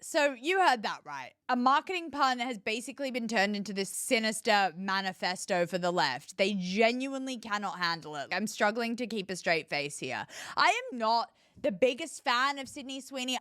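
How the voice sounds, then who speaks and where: A woman's voice: mid-range voice, a bit bright, no room sound, clean studio sound. A woman hosting her own show, giving opinionated commentary with an emphatic, scornful tone and lots of rhetorical questions. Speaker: political commentary host.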